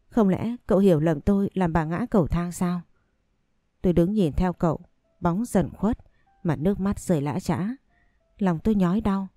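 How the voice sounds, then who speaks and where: A woman narrating a dramatic first-person story in a steady scripted reading. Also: on the low side, dry recording, studio quality.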